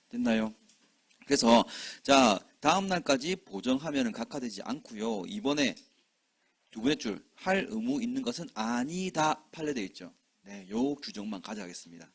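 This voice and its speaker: A man's voice: mid-range voice, breathy edge. A man teaching an exam-prep lecture, who keeps checking whether students follow and acts out short scenes with quoted voices. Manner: lively, rhetorical questions, checks understanding often.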